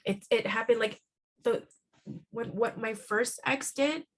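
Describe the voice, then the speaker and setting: A woman speaking as a podcast guest, telling a personal story in an earnest, halting way, often repeating words and restarting. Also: on the high side. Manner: earnest and heartfelt. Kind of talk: emotional personal testimony.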